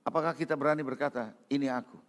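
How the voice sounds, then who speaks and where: A man preaching a sermon as pastor, calling out to the congregation and swinging from loud calls to hushed lines. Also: mid-range voice, steady tone, quick pace. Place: church hall. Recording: long reverb of a large hall.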